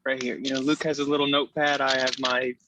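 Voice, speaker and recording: A man's voice: medium pitch, level tone, fast, background noise. A man guest-hosting a podcast episode in a jokey, playful casual chat.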